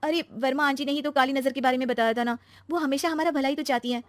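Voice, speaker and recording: A woman voicing a cheerful, chatty young wife in a cartoon story, talking in an excited way. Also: high-pitched, fast, no echo, voice pushed up, close to an everyday voice. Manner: excited, talkative.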